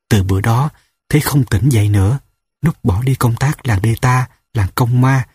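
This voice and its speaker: Husky man narrating a novel. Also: mid-range voice, a little mellow, dry recording, clean studio sound. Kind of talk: audiobook narration.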